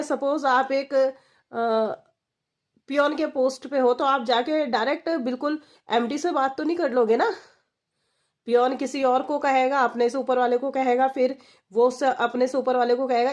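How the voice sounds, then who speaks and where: A woman giving an exam-preparation lecture, explaining step by step and asking and answering her own questions for her students. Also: sits high. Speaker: exam-prep teacher.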